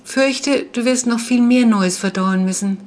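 A friendly young boy in a children's audiobook, patiently explaining the modern world and easily excited, as a woman reads him. His lines sit somewhat higher than the narration. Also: a little slow, close to an everyday voice. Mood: eager explaining. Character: eager friendly boy, a brother.

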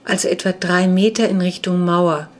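A woman's voice: lowish voice, steady tone, moderate pace, lightly acted. A woman reading a man in a storybook who measures out the dig site and thinks aloud about where to dig. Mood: musing. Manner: musing, calculating aloud. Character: man pondering a treasure map.

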